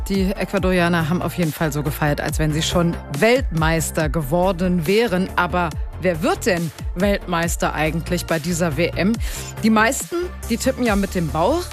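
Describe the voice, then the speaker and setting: A woman's voice: fairly low pitch, lively intonation, moderate pace. A woman presenting news in a conversational, scripted style, linking reports as the moderator. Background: music bed.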